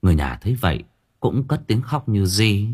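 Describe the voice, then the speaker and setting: A man narrating a first-person horror story for an audiobook in a measured, expressive way. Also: lowish voice, husky.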